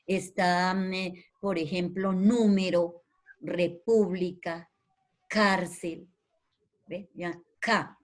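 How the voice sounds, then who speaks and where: A woman's voice: fairly low pitch, little pitch movement. A woman teacher, explaining a lesson in an online class and repeating herself with many fillers. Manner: slow, repetitive, with many fillers. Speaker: primary school teacher.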